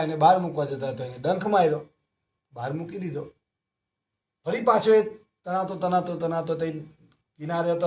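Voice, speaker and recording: A man's voice: fairly high pitch, a little mellow. A man gives a devotional scripture class in a slightly raised voice. He moves through short stories and keeps asking his listeners questions, as a teacher speaking to a gathered group would. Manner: storytelling with frequent rhetorical questions to the audience.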